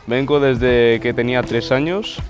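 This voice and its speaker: A man's voice: medium pitch, unhurried, over music. A man from the Dominican Republic who speaks with a Spanish accent, telling his story easily in a documentary interview. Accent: Spanish (Spain). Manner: easygoing, casual storytelling. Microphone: lapel mic.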